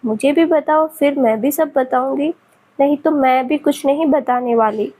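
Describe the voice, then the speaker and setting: A woman's voice: sits high, steady tone, unhurried, darkish tone, breathy edge. A woman voicing a tearful, sulky young woman who scolds her sick partner in a pleading tone. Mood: tearful scolding.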